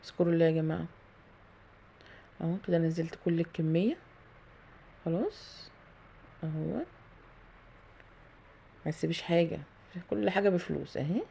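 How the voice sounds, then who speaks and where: A woman's voice: fairly low pitch, normal speed, gravelly, pauses often, warm tone, a little hiss or hum. A woman with an Egyptian Arabic accent who talks through a home cooking tutorial in a chatty way, thinking aloud with many fillers and pious phrases, in her kitchen. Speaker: home cooking video host. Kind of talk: casual cooking tutorial narration.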